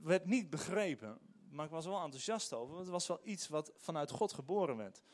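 Animated man preaching a sermon. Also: a little high, fairly quick. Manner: animated, emphatic preaching with hesitations. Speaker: pastor.

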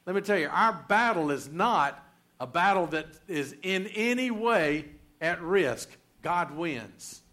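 A man's voice: sits high, animated, takes it slowly, bright, forceful tone. A man preaching a sermon in a conversational way, reading scripture aloud with emphasis. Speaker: pastor.

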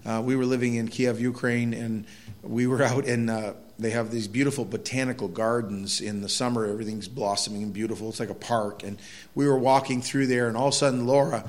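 Man, pastor, gruff throaty voice, conversational Bible study, restarts sentences, mid pitch. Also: steady tone, fairly quick. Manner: loose conversational delivery with restarts. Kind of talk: evening Bible study teaching.

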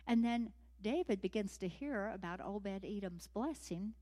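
A woman preacher delivering a sermon, telling a biblical story in an animated way and acting out its scenes. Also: medium pitch, moderate pace, big-room sound.

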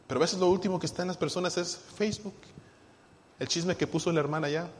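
A male pastor preaching a sermon to his congregation, asking them rhetorical questions and moving between hushed asides and loud, emphatic lines. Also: a little high, fairly even intonation, quick pace, slight background noise. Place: church sanctuary. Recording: long hall reverb.

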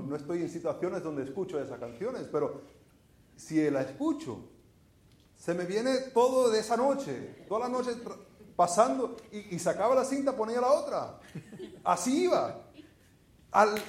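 Venezuelan preacher in an echoey hall. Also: male voice, high voice, darkish tone. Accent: Venezuelan Spanish. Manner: conversational storytelling with rhetorical questions to the congregation. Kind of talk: sermon.

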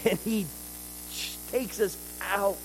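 High-voiced man preaching with emphasis. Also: fairly even intonation, slow, a little hiss or hum, poor audio. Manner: swings between loud emphasis and quiet intensity, with rhetorical questions. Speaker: pastor. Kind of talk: sermon.

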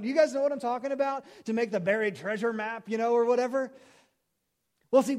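A middle-aged man preaches a sermon from a church pulpit, his voice pitched notably high. He keeps it relaxed and chatty, tossing questions out to the congregation and joking along the way. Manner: conversational, jokey, asks the congregation questions. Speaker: pastor. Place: church sanctuary.

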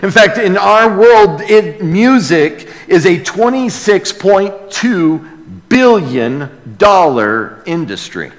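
A male pastor preaches a conversational sermon to a congregation in a fairly high voice with big pitch swings. He goes slowly, folksy and checking in with rhetorical questions, while a large, reverberant hall gives his words a long echo.

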